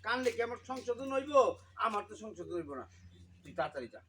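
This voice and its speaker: A man's high voice swings widely in pitch as he plays an older, bullying husband greedy for dowry, shouting and scolding in a harsh manner. He speaks a little fast in this amateur short film, with a slight hiss or hum on the audio.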